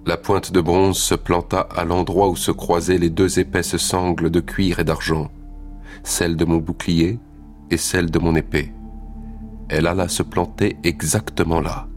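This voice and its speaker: An actor playing a Greek warrior who recounts his fight in a measured, grave way. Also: deep voice, level tone, soft background music. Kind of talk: scripted literary narration.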